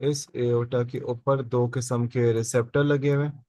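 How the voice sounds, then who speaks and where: A male biology teacher lectures his class at a middle pitch, asking the students questions, answering them himself, and saying every key term twice. He speaks at normal speed with little pitch movement and a slightly mellow voice, and the sound is close and dry with no echo.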